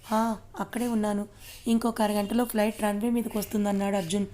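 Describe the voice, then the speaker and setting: A woman voicing a calm, protective young husband in an audio story, speaking in a steady, matter-of-fact way. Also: medium pitch, fast talker, a little hiss or hum, natural voice. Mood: reassuring.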